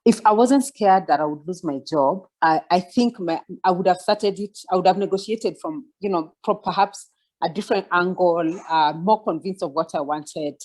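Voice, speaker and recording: Over a video call, a guest speaker in her forties reflects in a mentoring talk, often restarting and using fillers while inviting the audience to follow along. She speaks at a moderate pace, her voice lowish and darkish in tone.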